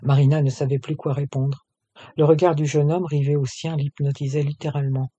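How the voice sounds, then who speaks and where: Husky, mellow male storyteller. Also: on the high side, flat delivery, a little fast, no room sound, lo-fi sound. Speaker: narrator. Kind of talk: scripted story narration.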